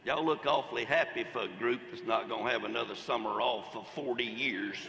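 A man's voice: medium pitch, brisk, sharp tone, a little hiss or hum. Older man with folksy storytelling. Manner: folksy, storytelling, Southern phrasing. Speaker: baseball coach giving commencement speech. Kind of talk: ceremonial speech with anecdotes. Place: large outdoor commencement ceremony. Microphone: podium microphone. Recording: echoey reverberant venue sound.

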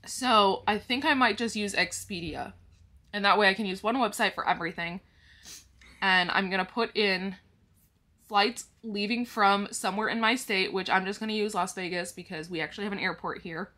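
A woman's voice: mid-range voice, moderate pace, bright, forceful tone. A woman vlogging about her budget, explaining each step to viewers in a casual way and counting money aloud as she goes. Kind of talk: casual talk-through to the viewers.

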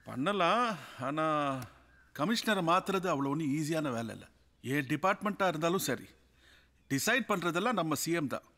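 An actor playing a scoffing, powerful politician who mocks an offer of help. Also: male voice, on the high side, animated, moderate pace, pauses often, bright, forceful tone, big-room sound, heavily acted.

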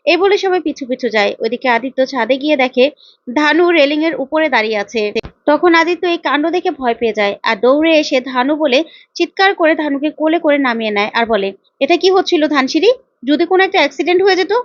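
A woman with a high voice retells a TV serial in a casual spoken way, voicing the characters' lines herself with small shifts in pitch and pace. The recording is dry and a little dull, like a lo-fi home setup. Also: lively intonation, fast talker, no room sound. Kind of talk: casual spoken story retelling with acted dialogue.

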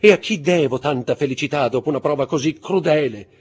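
A man's voice: on the high side, fast talker, husky, pitched above the performer's own voice. A man reading aloud who voices a frantic aristocratic young mother, pleading and breathless.

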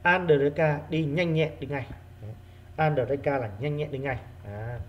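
A man's voice: a little high, fairly even intonation. Male teacher drilling vocabulary, lo-fi. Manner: repeats key words slowly for pupils. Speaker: primary school teacher. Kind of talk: online reading lesson.

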